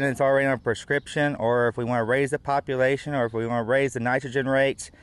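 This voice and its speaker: A middle-aged farmer talks plainly about his work, using easy fillers. His voice sits in a middle register. Faint outdoor noise runs behind him. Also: mid-range voice. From United States. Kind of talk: on-camera interview.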